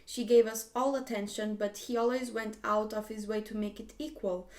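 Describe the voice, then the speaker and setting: A woman's voice: medium pitch, flat delivery, normal speed, darkish tone. A woman hosting a casual reaction video, reading posts aloud and chatting with lots of "like" and frequent laughs. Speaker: YouTube host reacting to posts.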